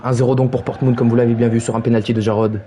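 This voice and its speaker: A young man streaming his football video game, giving play-by-play commentary in a low calm voice that rises to high shouted calls on goals. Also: racing, slight background noise.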